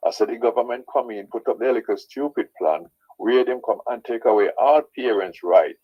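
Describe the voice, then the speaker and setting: Heated radio show caller. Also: male voice, medium pitch, fairly quick, husky, muffled recording. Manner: heated, insistent, repeats "right?".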